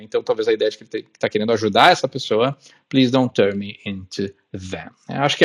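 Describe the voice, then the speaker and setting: Brazilian man, husky voice, mid-pitched, relaxed explainer, slow careful English lines. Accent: Brazilian Portuguese. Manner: ends phrases with a questioning tag, reads English lines slowly. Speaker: channel host explaining song lyrics. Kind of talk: casual explanatory talk.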